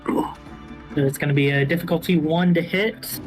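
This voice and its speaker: A man narrating a tabletop role-playing game as game master, in a casual, halting way. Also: on the high side, fairly even intonation. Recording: faint music behind the voice. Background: music.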